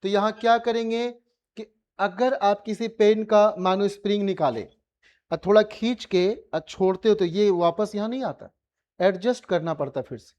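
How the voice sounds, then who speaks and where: A man's voice: high voice, normal speed, darkish tone, highs cut off. A male physics teacher with an Indian accent, giving a colloquial classroom revision lecture and pressing his students with repeated questions.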